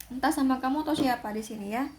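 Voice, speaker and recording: A woman talks her viewers through a tarot reading in a casual, rambling way. Her voice sits a little high, and she circles back over the same points with plenty of filler words. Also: fast, noisy background. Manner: chatty and repetitive, full of filler words. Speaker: tarot reader.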